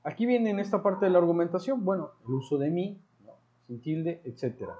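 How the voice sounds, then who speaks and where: A man with a Mexican accent teaching a grammar class, explaining slowly and repeating words as he thinks. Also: sits high. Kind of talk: online grammar lecture. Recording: dull lo-fi audio.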